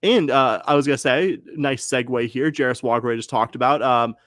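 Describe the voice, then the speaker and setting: A man's voice: mid-range voice, fairly quick, a bit bright, no room sound, clean studio sound. Rambling man on a sports podcast. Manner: rambling, frequent fillers and self-corrections. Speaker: podcast co-host. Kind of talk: casual sports podcast chat.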